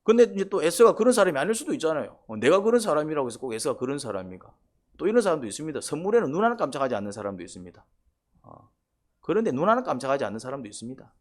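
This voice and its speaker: Animated pastor preaching. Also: male voice, on the high side, rapid-fire. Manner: conversational, asks the congregation questions and answers them himself; acts out quoted voices, sometimes shouting. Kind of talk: sermon.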